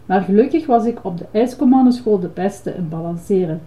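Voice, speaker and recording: A woman's voice: mid-range voice, lively intonation, a little fast, dark tone, natural voice, rough recording. Grover, a woman doing a proud chanting ice cream monster. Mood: flustered. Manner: proud, chanting, eager to please. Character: cheerful blue male monster ice cream seller.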